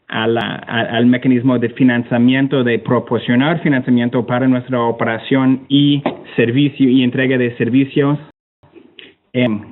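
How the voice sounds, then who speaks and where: On a narrow, tinny, phone-like online connection, a Canadian-accented man with a mid-range voice speaks haltingly, repeating words as he hunts for them. He represents a climate technology organisation as a panelist, giving an informal slide presentation during an online webinar call.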